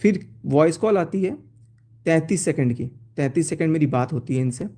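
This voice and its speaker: A man's voice: fairly high pitch, animated, moderate pace, dark tone. A man on a phone live stream, reading out chat messages and telling his side with a sense of grievance. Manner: aggrieved, reads out chat messages. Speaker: YouTuber showing chats on a live stream.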